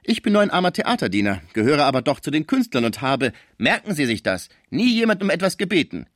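A man voicing a proud, poor male theater servant who talks in a raised, high-pitched, emphatic way. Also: sing-song, quick pace, fairly bright tone, no echo, studio quality. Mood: indignant.

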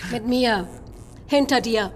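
A woman's voice: fairly high pitch, slow. A blunt female accomplice. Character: tough female accomplice of the prisoner. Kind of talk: radio play acting. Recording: reverberant room, faint hiss.

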